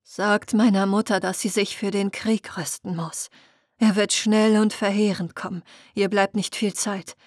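A woman's voice: mid-range voice, fairly even intonation, unhurried, no echo, clean studio sound, lightly acted. A woman voicing a grim, proud young woman warrior who speaks hard and bitter, in an audiobook reading. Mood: grave. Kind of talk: audiobook character voice.

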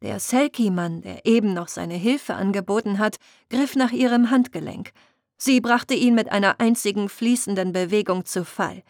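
A woman narrating a fantasy story in a measured, expressive reading. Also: medium pitch, dry recording, clean studio sound. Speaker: audiobook narrator.

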